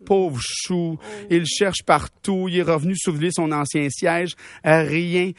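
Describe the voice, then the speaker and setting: A young man with a Québécois accent spins a comic story on the radio. His voice sits high and his delivery is lively and full of slang, with laughs at his own punchlines. The recording is close and dry, with no room sound. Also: a little slow, dry recording. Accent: Québécois French. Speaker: radio show humor columnist.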